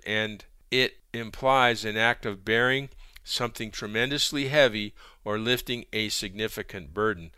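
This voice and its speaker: Emphatic male preacher, bright crisp voice. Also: mid-range voice, no echo, clean studio sound. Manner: emphatic, measured delivery with repeated word lists. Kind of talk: sermon.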